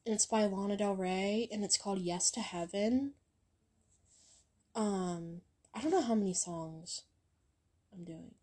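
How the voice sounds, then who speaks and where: A woman's voice: medium pitch, measured pace, long pauses, a little mellow. A young woman chatting casually on her channel, recommending songs in a rambling way full of ums and likes. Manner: rambling, filler-heavy, lots of ums and likes. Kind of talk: casual music chat.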